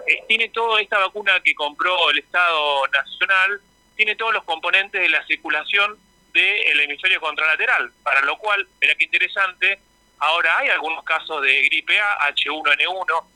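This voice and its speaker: A man's voice: a little high, pushed and bright, no room sound, low-quality recording. A man with an Argentine Spanish accent, a health official explaining things in a radio interview. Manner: explanatory, informative.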